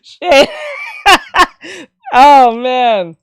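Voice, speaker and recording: A man's voice: very high-pitched, extremely slow, smooth, dry recording, clean studio sound. A man streaming casually as he reacts to a video, laughing often, swearing and talking over it.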